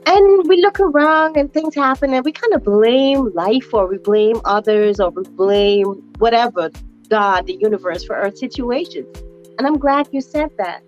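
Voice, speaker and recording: A woman's voice: a little high, expressive, normal speed, muffled recording, soft background music. A woman hosting a casual interview, encouraging and chatty, often saying "you know". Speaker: host.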